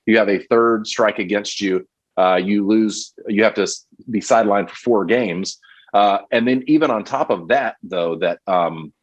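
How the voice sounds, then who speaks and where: A man's voice: on the low side, highs cut off. A man co-hosting a college football podcast, talking casually with lots of fillers and restarts. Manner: rambling, many fillers and restarts. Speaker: podcast co-host. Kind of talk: casual sports podcast chat.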